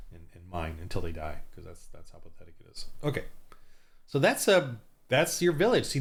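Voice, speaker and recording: A man acting as game master, talking casually through his tabletop game prep, rambling with lots of restarts and fillers. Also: fairly low pitch.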